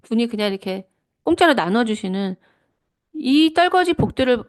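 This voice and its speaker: Woman, middle-aged, devotional teaching talk, earnest, reflective, self-correcting, animated pitch. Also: normal speed. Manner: earnest, personal testimony.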